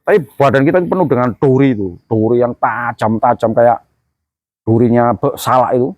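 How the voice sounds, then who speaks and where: A man's voice: medium pitch, brisk, a little mellow, no room sound. A man giving a religious sermon as a teacher, telling his story vividly and dramatically with many hums.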